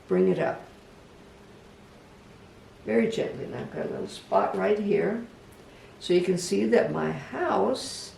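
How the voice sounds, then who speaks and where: A craft instructor giving a casual step-by-step demonstration, talking gently and unhurriedly, even chatting to the project. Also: mid-range voice, gravelly. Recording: echoey room, voice from a distance, faint background hum.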